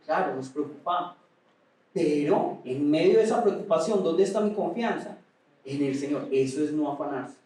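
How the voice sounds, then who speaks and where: A man preaching a sermon with passion, at times raising his voice almost to a shout. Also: fairly high pitch, animated, normal speed. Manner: impassioned preaching, rising to near shouts at times. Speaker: pastor. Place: large echoey auditorium. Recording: echoey hall, mic at a distance.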